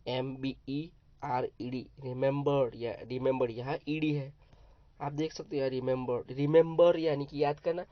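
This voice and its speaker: A man teaching a class of young pupils at a slow, patient pace, spelling out each new word before he explains it. His voice sits at a middle pitch. The recording is dull and dry, with no room echo. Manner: spells words letter by letter, then explains. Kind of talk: vocabulary lesson for young pupils.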